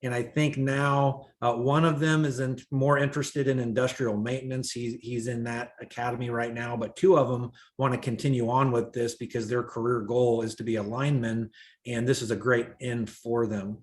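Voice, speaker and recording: A man reports to a school board over a video call, and his loudness keeps swelling and fading unevenly. He speaks at a middling pitch with a halting delivery full of small pauses and fillers. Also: flat delivery. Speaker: school administrator giving a report.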